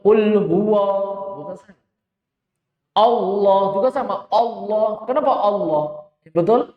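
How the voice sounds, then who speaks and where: A man teaching Quran recitation. He explains the rules and chants the verses slowly and drawn out. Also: high-pitched. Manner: laughs while telling an anecdote. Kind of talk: tajweed lesson with recitation. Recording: echoey hall, dull lo-fi sound.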